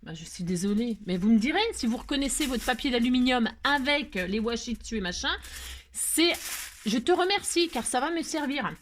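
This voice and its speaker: A woman talks through a craft tutorial in easy, rambling chat, joking at her own expense. Her voice sits a little high. A faint hiss of noise runs under the close-miked recording. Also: expressive, fairly quick. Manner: chatty, self-mocking, rambling with laughs and asides.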